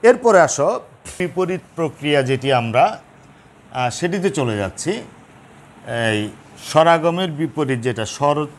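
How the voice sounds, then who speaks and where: Slow, careful man teaching. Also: a little high, lively intonation, slight background noise. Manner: slow, spelling out each sound piece by piece. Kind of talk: blackboard grammar lesson.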